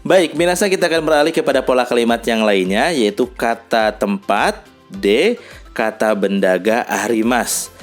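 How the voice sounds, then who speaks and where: A man teaching a language lesson, who reads example dialogues slowly and explains them patiently, with faint music behind him. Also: medium pitch.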